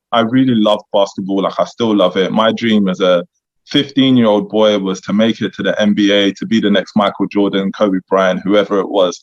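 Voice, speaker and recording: A man mentoring young men in a relaxed chat, reflective and conversational, with lots of "you know" asides. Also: on the low side. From United Kingdom. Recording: dull lo-fi sound.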